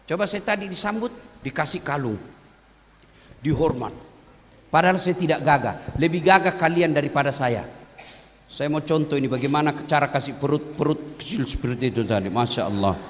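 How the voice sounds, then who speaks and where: A man's voice: moderate pace, long reverb tail, a little hiss or hum. A man preaching a humorous sermon to students, telling stories animatedly and acting out the characters. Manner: animated storytelling, acting out characters with big pitch swings.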